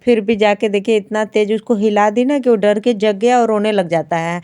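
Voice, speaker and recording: A woman's voice: medium pitch, fairly even intonation, a little fast, mellow, clean tone, dry recording, studio quality. A woman, chatting homely to viewers through her daily-routine vlog. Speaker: vlogger, housewife.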